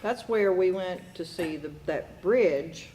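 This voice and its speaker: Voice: mid-range voice, takes it slowly, dark tone. A person chatting casually with family, asking questions and prompting memories. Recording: noisy room, away from mic.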